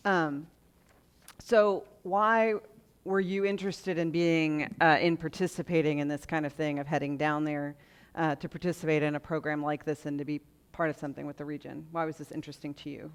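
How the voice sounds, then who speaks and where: A woman's voice: sits low, steady tone, brisk, smooth. A woman interviewing a guest, offering encouragement and asking long, rambling questions. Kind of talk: casual interview.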